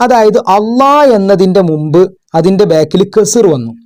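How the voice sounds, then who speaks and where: A man tutoring children and parents, going through exam questions in a patient way, asking questions and repeating words slowly. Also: sits high, animated, a little mellow. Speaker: madrasa tutor. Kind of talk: explaining exam answers.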